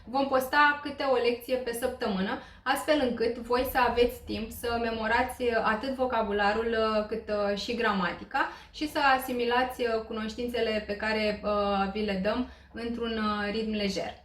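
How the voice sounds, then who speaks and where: A woman from Romania leads a beginners' language lesson, patient and explanatory, often pausing on small fillers. Her voice sits slightly high. The sound carries a noticeable room echo. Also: fairly even intonation, a bit bright. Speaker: Korean language teacher. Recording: roomy echo.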